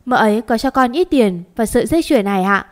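A woman's voice: on the high side, lively intonation, quick pace, lightly acted. A woman voicing a terrified young maidservant who pleads and cries for mercy in a storybook reading. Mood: pleading. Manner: pleading, tearful, stammering.

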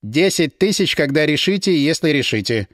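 A man's voice: fairly high pitch, lively intonation, normal speed, no echo, clean studio sound, natural voice. A man voicing an irritated, impatient male television company owner with an angry manner.

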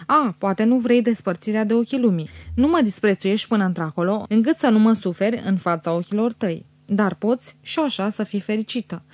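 A woman's voice: medium pitch, hardly any pauses, darkish tone, dry recording, close to an everyday voice. A woman reading an audiobook, voicing a scheming young husband who pleads theatrically and pities himself. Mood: theatrical pleading. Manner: theatrical, self-pitying, wheedling. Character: fawning scheming young married man.

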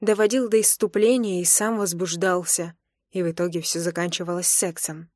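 A young woman telling a romance audiobook in the first person, with expressive, intimate narration. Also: lowish voice, moderate pace, no room sound, studio quality.

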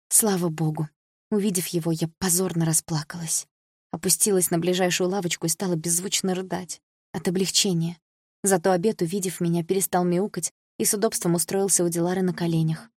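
Husky, lower-pitched woman narrator, first-person audiobook read, dry studio sound. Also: a little mellow, no echo.

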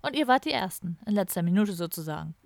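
A woman's voice: mid-range voice, animated, quick pace, vocal fry, no room sound. A woman voicing a bossy male police officer who barks orders in an officious way. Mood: barking. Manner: barking, officious. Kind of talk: audiobook character voice.

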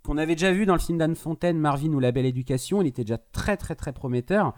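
A man's voice: a little high, fast, darkish tone. Enthusiastic man reviewing a film. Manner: enthusiastic, restarts phrases often. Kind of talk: casual film review chat.

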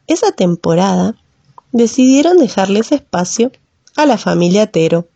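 A woman narrating a children's story in a slow, gentle, lilting way, close to the microphone. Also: medium pitch, creaky, slightly rough, no echo. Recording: slightly muffled dry recording.

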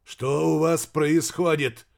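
A man's voice: fairly high pitch, fairly even intonation, takes it slowly, creaky, darkish tone, voice pushed up. A man voicing a stern, curt male admiral in an audiobook, barking short orders. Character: stern commanding male admiral, middle-aged. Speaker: audiobook character.

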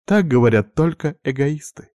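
A man's voice: a little high, lively intonation, moderate pace, mellow, no room sound, studio quality, voice pushed up, lightly acted. A man voicing a worried young woman scolding her younger brother in a pleading, upset way.

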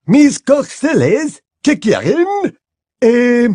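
A man reading aloud voices an imperious, languid giant French headmistress, speaking slowly and haughtily with small hesitations. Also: very high-pitched, sing-song, mellow, breathy edge, no room sound, clean studio sound, pitched above the performer's own voice, full character voice. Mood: haughty.

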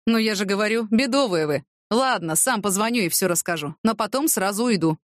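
A woman's voice: medium pitch, expressive, fairly quick, no echo, clean studio sound, lightly acted. A woman voicing a streetwise homeless man who talks in mocking, drawling street slang. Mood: wry.

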